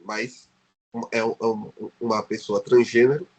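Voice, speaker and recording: Speaking Portuguese with a Brazilian accent, this Brazilian man appears as a guest researcher in a podcast interview. His fairly low voice is a little mellow and barely moves in pitch, and he keeps a measured pace. Fillers and restarts crop up often, giving him a hesitant manner.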